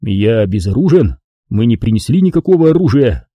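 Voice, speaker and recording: A man reading an audiobook gives the first-person hero a gruff, exasperated voice close to his own. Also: medium pitch, sing-song, normal speed, mellow, dry recording. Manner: grumbling, exasperated.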